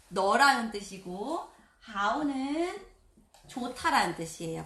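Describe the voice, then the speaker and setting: A woman teaching Chinese pronunciation in a live online lesson, stretching out syllables slowly to demonstrate the tones. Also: medium pitch, a bit bright, roomy sound.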